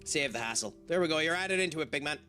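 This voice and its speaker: A man's voice: a little high, expressive, fast talker, bright, forceful tone, faint music behind. A man giving live commentary as a gaming streamer, swearing casually and often.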